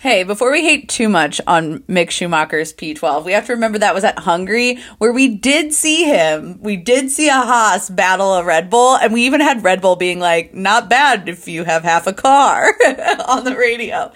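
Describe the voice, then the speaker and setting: A woman's voice: mid-range voice, animated, normal speed, a bit bright. A young woman co-hosting a casual podcast chat, talking in a chatty, playfully dramatic way and often laughing. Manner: chatty, giggly, playfully exaggerated. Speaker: podcast co-host.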